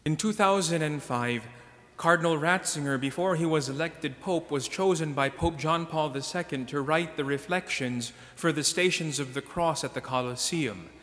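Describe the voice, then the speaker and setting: A priest, a man, reads scripture and preaches in a measured, solemn manner, his voice pitched a little high for a man. Every phrase rings out in a cathedral echo as it trails off through the large church. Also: fairly bright tone. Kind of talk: liturgical reading and homily. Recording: long church reverb in a large hall.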